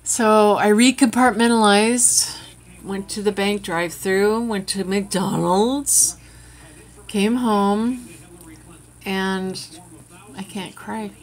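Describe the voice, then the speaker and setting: A woman's voice: medium pitch, takes it slowly. A woman telling a personal story to her own camera in a frank, rambling, venting way. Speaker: vlogger. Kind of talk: candid personal vlog. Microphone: camera she adjusts herself.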